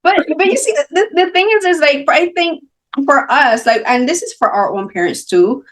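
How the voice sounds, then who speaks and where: A woman interviewing filmmakers, talking in a lively way and sometimes acting out what others say. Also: high voice, normal speed, slight background noise. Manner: animated, often acting out the voices of others. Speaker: magazine interviewer. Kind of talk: casual interview talk. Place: film festival interview.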